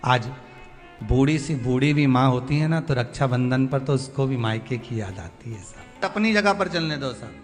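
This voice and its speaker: A man preaching a devotional sermon, pleading with passion and swinging between loud appeals and soft, quiet lines. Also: mid-range voice, expressive, normal speed. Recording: long hall reverb with faint music.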